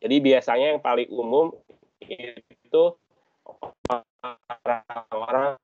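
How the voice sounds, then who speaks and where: A man's voice: medium pitch, steady tone, slow, a little mellow, no room sound, lo-fi sound. A man teaching an online class while his call audio keeps breaking up. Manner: patient, asks class questions. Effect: choppy, breaking-up online call audio. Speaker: lecturer.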